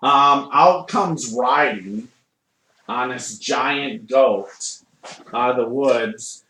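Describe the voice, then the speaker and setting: A man running a tabletop game as game master, improvising narration haltingly as he searches for words. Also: medium pitch, sharp tone. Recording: echoey room.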